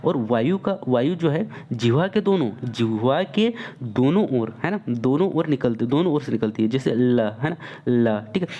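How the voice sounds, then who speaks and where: A man's voice: mid-range voice, expressive, normal speed, mellow, highs cut off. A man teaching a Hindi grammar lesson for exam students, repeating key terms and asking questions that he then answers himself. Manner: repetitive, asks and answers own questions, addresses students as friends. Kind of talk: online exam-prep lesson.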